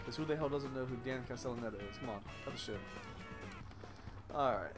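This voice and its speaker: A man's voice: medium pitch, fairly quick. A man hosting a let's play, swearing constantly and ranting sarcastically, rambling with restarts and asides as he plays. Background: game music.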